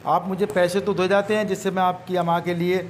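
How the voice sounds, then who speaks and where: A man's voice: high-pitched, flat delivery, fairly quick, a little hiss or hum, natural voice. A man voicing a humble male watchman who earnestly pleads with a judge, repeating his points. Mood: pleading.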